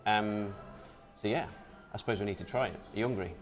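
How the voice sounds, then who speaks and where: A man's voice: fairly low pitch, a little fast, over music. A man co-hosting a casual food chat, explaining dishes and listing ingredients with many ums. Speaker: deli co-host.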